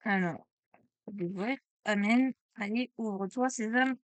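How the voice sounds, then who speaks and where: A woman streaming a card opening, chatty and excitable, exclaiming over each card. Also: mid-range voice, a little slow, no echo. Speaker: streamer opening trading cards. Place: at home desk.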